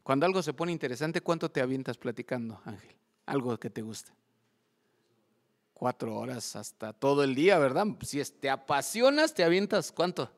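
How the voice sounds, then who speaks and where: Pastor preaching in a reverberant hall. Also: male voice, mid-range voice, very animated, normal speed. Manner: quizzes the congregation with call-and-response questions. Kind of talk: sermon. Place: church service.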